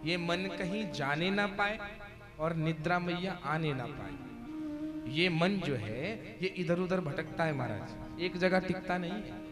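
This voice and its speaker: Slow, higher-voiced male preacher over loud devotional music. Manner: jovial, teasing, commanding the audience to chant and sit still. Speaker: Bhagavata katha preacher. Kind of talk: devotional sermon with call-and-response chants. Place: religious gathering before a seated audience.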